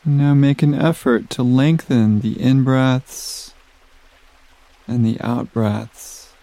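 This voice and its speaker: A man leads a guided sleep meditation, speaking very slowly with long, soothing pauses. His voice is warm and mellow, smooth and resonant, in a flat, even tone. The recording is dry and close. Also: medium pitch, no echo.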